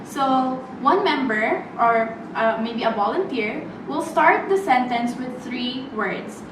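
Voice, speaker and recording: A woman's voice: a little high, lively intonation, slow. A young woman, leading a role-played group therapy session as student occupational therapist and giving friendly step-by-step instructions. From Philippines. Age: young adult. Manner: friendly, guiding instructions with frequent okays. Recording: roomy distant recording with background noise.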